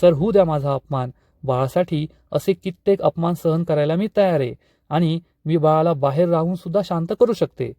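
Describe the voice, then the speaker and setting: A man voicing a gentle young woman who pleads and tries to calm someone down. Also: on the high side, normal speed, no echo, natural voice. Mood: pleading. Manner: pleading, soothing.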